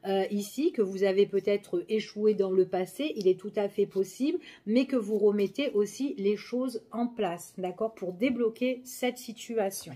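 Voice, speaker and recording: A woman's voice: mid-range voice, a little slow, few pauses, mellow. A woman giving a casual general tarot reading, chatty and full of fillers, often checking in with the listener. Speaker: tarot card reader.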